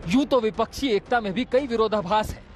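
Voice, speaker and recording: A man's voice: sits high, loud music behind the voice. A male television news reporter reading a formal scripted voice-over report. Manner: brisk formal news delivery.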